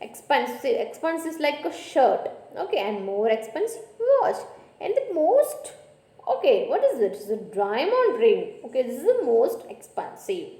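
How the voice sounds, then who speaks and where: A woman with an Indian English accent giving a grammar lecture, slow and repetitive, saying "okay" often. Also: high voice, huge pitch swings, dark tone, roomy sound. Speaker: college English teacher.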